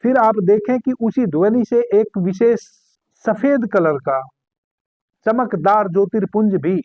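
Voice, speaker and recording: A man with a fairly high voice leads a guided meditation in a calm, unhurried way, repeating key phrases. The recording sounds thin and phone-like, dry and close. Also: dry recording. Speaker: spiritual meditation teacher.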